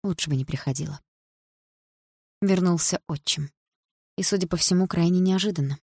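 A woman reading a first-person novel aloud in a quiet, measured way. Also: fairly low pitch, slightly rough, no echo, studio quality. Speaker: audiobook narrator.

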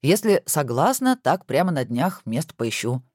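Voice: medium pitch, sing-song, moderate pace, darkish tone, dry recording, studio quality. A reader voicing a good-natured husband who banters playfully with his wife, in a storybook reading.

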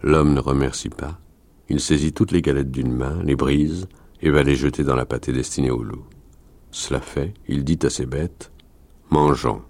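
A man reading a novel aloud in a slow, deliberate way. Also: extremely low pitch, a little mellow, dry recording. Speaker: reader.

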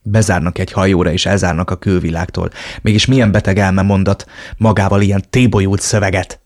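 A man's voice: low voice, little pitch movement, natural voice. A man voicing a frightened but stubborn young woman held captive, reading her lines in an audiobook. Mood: indignant. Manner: pleading, then indignant.

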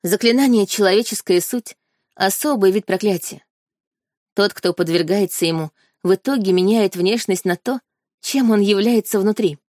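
A woman reading a first-person fantasy story aloud in a steady, measured way. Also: mid-range voice, no room sound, clean studio sound. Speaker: audiobook narrator.

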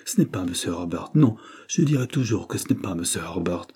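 A man's voice: lively intonation, fairly quick, mellow, slightly rough, heavily acted. A man voicing a distraught young woman who speaks emphatically in a raised voice. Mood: agitated. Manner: emphatic, pleading, high-pitched.

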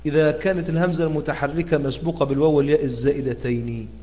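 A man's voice: a little high, fairly even intonation, darkish tone. A man with an Egyptian Arabic accent teaching Quran reading rules, stopping to quiz his students and stretching out example words as he recites them. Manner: questioning, pausing with "what?" for students to answer; drawn-out demonstrative recitation of words. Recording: lo-fi online room audio with a long reverb.

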